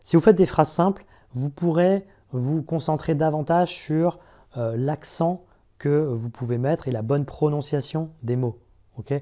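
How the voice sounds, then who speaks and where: Male recruiter, slightly high, mellow voice; chatty, direct coaching tone. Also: unhurried. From France. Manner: chatty and direct, addresses viewers with frequent "ok?". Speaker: recruiter giving job interview advice. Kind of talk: casual advice video.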